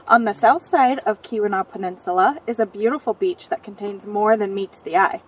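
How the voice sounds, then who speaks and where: A woman's voice: mid-range voice, moderate pace, a little hiss or hum. Woman reading legends outdoors at night. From Michigan. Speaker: co-host of a ghost story show. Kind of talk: reading local legends aloud. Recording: distant mic outdoors.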